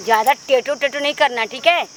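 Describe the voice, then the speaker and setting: Actress as a sneering older mother-in-law, high-pitched and mocking, crickets and outdoor noise behind. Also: a little fast, lightly acted. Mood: taunting. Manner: taunting, bullying, scornful. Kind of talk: staged confrontation drama.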